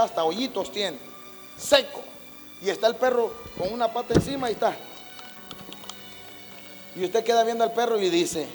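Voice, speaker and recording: A man preaches in a high voice. He tells folksy, homey stories and slips into playful voices as he acts them out. His voice rings through a reverberant church hall with faint music underneath. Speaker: pastor. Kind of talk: sermon.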